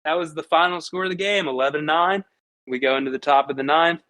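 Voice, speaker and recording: A young man with a Pittsburgh accent co-hosting a casual sports podcast, telling profane, animated stories and acting out his own reactions. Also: on the high side, fast talker. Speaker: podcast co-host.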